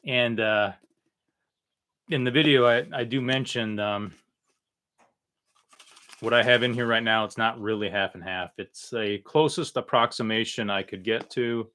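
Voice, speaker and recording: A man hosting a casual, unscripted livestream, talking in a halting way that often trails off. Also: medium pitch, bright, forceful tone. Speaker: livestream host.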